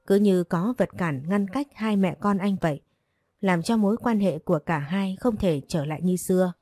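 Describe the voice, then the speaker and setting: A woman reads a story aloud in an even, steady audiobook manner, voicing the dialogue lightly herself. Her tone is warm and mellow. The sound is dry and close, with no room around it. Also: fairly low pitch, no echo. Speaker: narrator. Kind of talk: scripted audiobook narration reading all roles.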